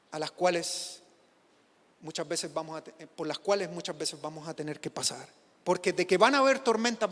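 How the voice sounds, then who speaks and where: A pastor preaching a sermon in a church, emphatic and repetitive, building phrases up into loud exclamations. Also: male voice, sits high. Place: church sanctuary. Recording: echoey church hall.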